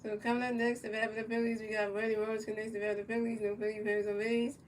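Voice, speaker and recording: A US woman's slightly high voice moves fast as she does stumbling, repetitive play-by-play of a baseball video game and speaks to chat viewers. Her tone never varies, she repeats set phrases and restarts lines, and a distant mic picks up faint hiss.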